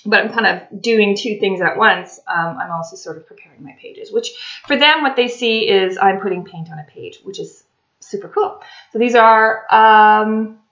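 A craft and tarot vlogger in her 40s chats casually while showing her craft pages, rambling along with plenty of fillers in a slightly raspy, mid-range voice that's a bit bright and moves at a normal speed. She sits in her home dining room beside a china cabinet, recorded on a desk webcam. The home vlog audio is muffled, slightly dull, and lo-fi.

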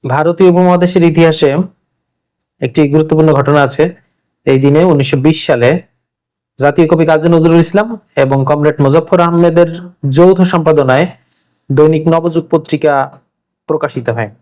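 A man from Bangladesh teaching English vocabulary in an informal lesson. He repeats each word's meaning and reads the example sentences slowly. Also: a little high, a little mellow.

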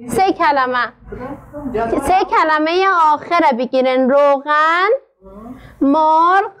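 A woman with an Afghan Dari accent teaching a literacy class. She sounds out words slowly, syllable by syllable, and keeps asking the class questions. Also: high-pitched, a bit bright. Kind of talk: classroom lesson.

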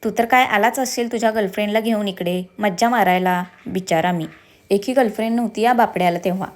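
A woman's voice: mid-range voice, quick pace, lightly acted. A woman voicing a playful, teasing young husband in a told story, joking with his wife.

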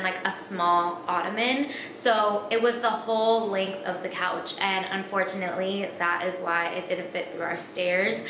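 Young woman vlogger, casual storytime delivery, upbeat and chatty; roomy echo and faint hiss. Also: mid-range voice. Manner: chatty, upbeat, uses "like" often. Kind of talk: casual home vlog storytelling. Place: small room at home, indoors.

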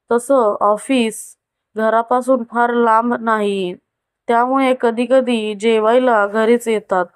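A woman voicing a modest, caring middle-class wife who talks gently and with concern in a storybook tale. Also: on the high side, smooth, no echo.

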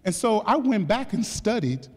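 Animated older man, high lively voice. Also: moderate pace. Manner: animated, laughing, joking with the audience. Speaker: keynote speaker. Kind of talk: storytelling keynote talk. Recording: echoey hall reverb.

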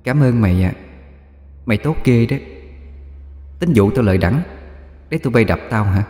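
A man voicing the sly, mocking ghost of a young woman in an audio ghost story, speaking softly. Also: medium pitch, lively intonation, moderate pace, roomy sound, long reverb tail, voice pushed up, close to an everyday voice. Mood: sly, taunting. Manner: taunting, soft and sly.

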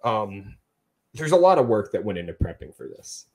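Low-voiced man chatting about a film. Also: very animated, normal speed, darkish tone. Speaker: podcast co-host. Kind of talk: casual film review chat.

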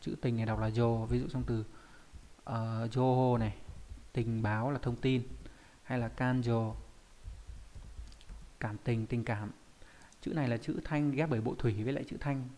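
A man's voice: medium pitch, fairly even intonation, normal speed, long pauses, dark tone. Vietnamese man teaching kanji step by step. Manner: explains step by step, often checking with "đúng nhỉ?". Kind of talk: online lesson explaining kanji.

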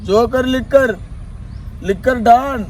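A man's voice: extremely high pitch, a little slow, darkish tone, a little hiss or hum. A man playing a wailing liquor lover. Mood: lamenting. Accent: Telangana Telugu. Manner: wailing, pleading, rambling complaint. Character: grieving man lamenting his beloved liquor. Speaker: comedy sketch actor. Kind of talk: village comedy sketch.

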